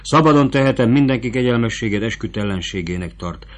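A man's voice: mid-range voice, animated, lightly acted. A man reading as a fawning, scheming court prosecutor. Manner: wheedling and eager to bargain.

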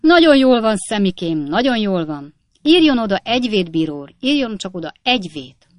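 A woman doing a boisterous older man shouting. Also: medium pitch, very animated, no echo, studio quality, voice pushed up, natural voice. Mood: hearty. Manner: hearty shouting.

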